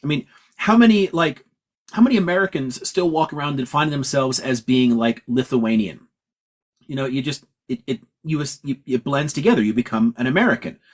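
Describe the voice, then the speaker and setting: A California professor hosts a livestream Q&A in a lecture-style chat, explaining ideas emphatically and swearing casually. His male voice is mid-range and he speaks at a normal speed.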